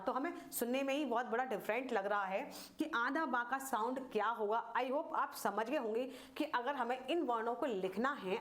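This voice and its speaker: Female tutor, higher register, explains spelling step by step with repeated words and rhetorical questions. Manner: slow, repeats words and asks questions to the viewer. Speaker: Hindi teacher. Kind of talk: classroom-style grammar lesson.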